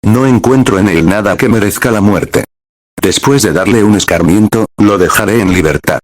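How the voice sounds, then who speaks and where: A man's voice: lowish voice, normal speed, no room sound, natural voice. A man reading a stern, formal governor.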